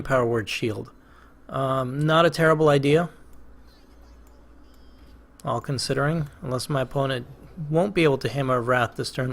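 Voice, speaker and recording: Gravelly man thinking aloud over a card game. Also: mid-range voice. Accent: Boston. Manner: thinking aloud, hesitant, self-questioning. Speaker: gaming channel host. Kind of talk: casual let's play commentary.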